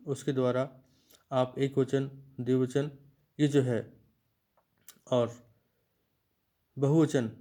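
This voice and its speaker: A man of middle pitch gives a patient grammar lecture to students. He talks slowly and goes over each point again and again, as a teacher does for a class. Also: dark tone. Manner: slow, repetitive explanation, restating each point.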